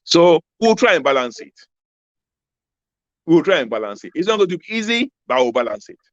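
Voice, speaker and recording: A very animated political candidate in his fifties, speaking with a Ghanaian accent in a fairly high voice, answers interview questions fairly quickly. He is emphatic, and he repeats his key phrases. His video call keeps freezing and cutting out, and the audio is dull and dry.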